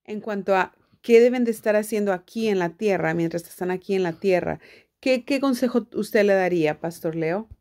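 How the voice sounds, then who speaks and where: A woman's voice: mid-range voice, normal speed, warm tone, faint music behind. Woman translating a video as she goes. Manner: talks over a clip, repeating it line by line. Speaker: video commentator translating a clip. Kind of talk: casual commentary and live translation.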